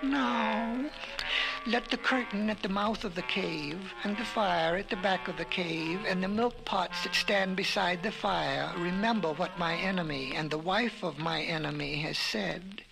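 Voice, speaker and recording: A man voicing a proud, sly male cat in a storybook reading on an old vinyl record, with a high, pleading, sweet-talking manner when he begs. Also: unhurried, gravelly, low-quality recording. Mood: solemn. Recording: vintage vinyl record with music.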